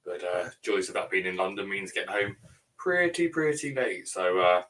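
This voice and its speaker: A man's voice: deep voice, moderate pace, a bit bright. A man co-hosting a podcast, chatting casually with a teasing, wry manner. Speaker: podcast co-host. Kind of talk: casual banter.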